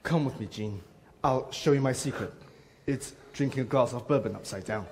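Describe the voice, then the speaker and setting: A male student actor playing an awkward grown son, speaking slowly and hesitantly on stage. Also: medium pitch, darkish tone, slight background noise, natural voice. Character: awkward adult son, gentle and odd. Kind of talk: live student theater acting.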